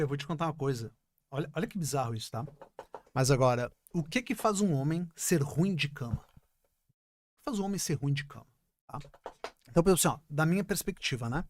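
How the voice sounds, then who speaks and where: A man's voice: on the high side, dry recording. Emphatic man explaining on a podcast. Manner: emphatic, explanatory, checks in with listener. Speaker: podcast guest, business partner. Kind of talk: casual podcast conversation.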